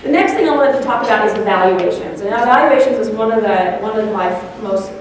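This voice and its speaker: A woman's voice: medium pitch, a little fast, a little hiss or hum. A woman, a district officer, gives an enthusiastic speech to club presidents at a breakfast event and asks the audience questions. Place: large room at an event. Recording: echoey hall, voice from far off.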